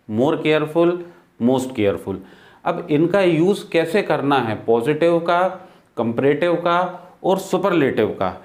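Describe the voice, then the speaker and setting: Slow, patient Indian male teacher. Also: on the high side. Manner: slow, patient explaining, repeating words for drill. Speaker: English teacher. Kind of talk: spoken English lesson.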